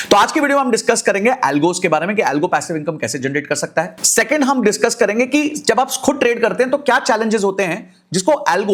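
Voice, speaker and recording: Indian man, middle-aged, finance YouTuber, energetic, very lively pitch, rapid delivery. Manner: energetic, direct address to viewers. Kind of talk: explainer video talk.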